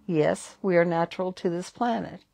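A woman's voice: fairly low pitch, moderate pace, vocal fry, dark tone. Tiny nanobacteria spirit creature, voiced by a woman, small fairy-like little voice, meek and matter-of-fact, retold channeling session. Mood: small, plain.

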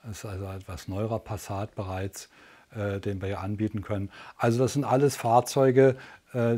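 Older man, mellow infomercial presenter. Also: mid-range voice. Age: 60s. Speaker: teleshopping host. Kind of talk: infomercial-style sales presentation, unscripted and chatty. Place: indoor studio, standing at a product table.

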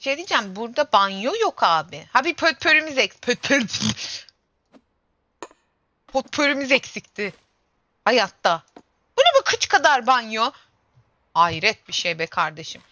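A woman's voice: on the high side, sing-song, normal speed, long pauses, pushed and bright, dry recording. A young woman in her twenties streaming a game, chatting casually and grumbling and exclaiming to herself as she plays. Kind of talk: casual gameplay livestream chat. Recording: dull lo-fi stream audio with faint game music.

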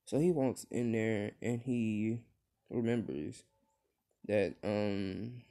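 Slow, dark-voiced young man rambling a story. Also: lowish voice, vocal fry. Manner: rambling, many fillers and restarts. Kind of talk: improvised fan-fiction storytelling.

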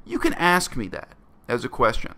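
A man's voice: medium pitch, wildly swooping pitch, moderate pace, pushed and bright. A man, talking earnestly and bluntly to his webcam in a small bedroom. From Canada. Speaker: vlogger. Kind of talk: reflective personal monologue to camera.

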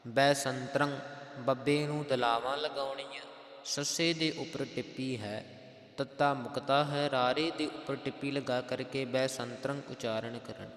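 A man teaching the correct recitation of scripture, chanting each verse slowly and then explaining how to pronounce it. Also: mid-range voice, fairly even intonation, fairly bright tone. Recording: echoey room with long reverb.

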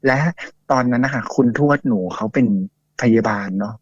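A man's voice: medium pitch, steady tone, normal speed, no room sound. A man telling a ghost story to a host in a chatty, casual way, full of fillers and acted-out quotes. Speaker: guest storyteller. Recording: dull lo-fi dry audio.

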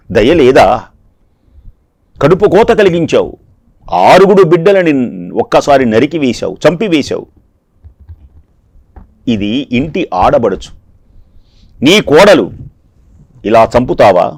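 A man's voice: medium pitch, no room sound. A man voicing a grieving mother who begs her cruel brother for mercy, repeating her pleas in a religious storytelling discourse. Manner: pleading, repeating her appeals.

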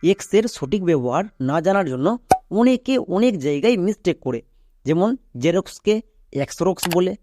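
A man teaching English pronunciation, explaining rules step by step and checking with quick questions. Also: sits high, very animated, dark tone, dry recording. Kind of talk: explanatory lesson, addressing viewers directly.

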